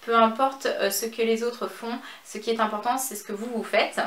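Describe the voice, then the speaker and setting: A French woman with a somewhat high voice talks her way through a haul in her home office, chatty and full of fillers. Her voice bounces around an echoey room, with a faint hiss behind it. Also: fairly even intonation, fairly bright tone. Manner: chatty, many fillers, slow over items. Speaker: beauty and fashion YouTuber. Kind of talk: casual haul vlog.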